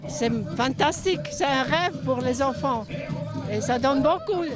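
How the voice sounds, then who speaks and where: High-voiced mature woman. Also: measured pace, a loud crowd. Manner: simple short phrases, non-native grammar. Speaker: interviewee, founder's wife. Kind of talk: informal on-location interview. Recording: loud music, outdoor urban sound behind.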